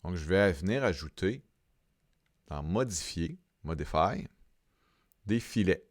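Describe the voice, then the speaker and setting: A man with a Québécois French accent talking through a software tutorial step by step, halting often with fillers and repeated words. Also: low voice, animated, no echo, studio quality. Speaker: software instructor. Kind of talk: screen-recorded software tutorial.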